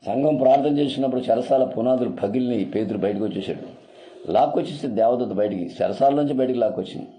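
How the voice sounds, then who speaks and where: A man's voice: mid-range voice, quick pace, dark tone, a little hiss or hum. A man preaching a sermon as a pastor, emphatic and repeating his phrases for weight.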